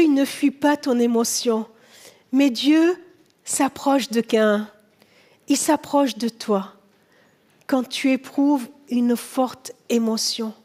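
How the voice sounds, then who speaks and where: High-voiced slow-paced woman preacher. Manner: earnest preaching, dropping to soft tender tones, rising when voicing biblical characters. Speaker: pastor. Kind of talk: sermon. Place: church.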